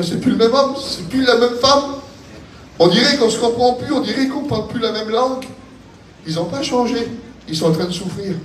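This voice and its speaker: A man with a southern French accent preaching a sermon in an impassioned, repetitive cadence that builds to shouting. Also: a little high, a little hiss or hum. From France. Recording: echoey hall, voice from a distance, faint ambience.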